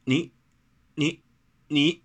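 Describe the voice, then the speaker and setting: A man's voice: medium pitch, huge pitch swings, moderate pace, husky, pitched above the performer's own voice, full character voice. A man voicing a flustered, earnest young swordsman who stammers and repeats himself. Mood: indignant.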